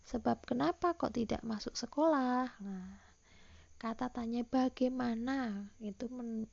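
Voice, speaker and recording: A woman's voice: on the high side, a little slow, vocal fry, darkish tone, dull audio. A woman teacher giving a recorded online lesson to primary school children, patiently explaining and reading example questions aloud.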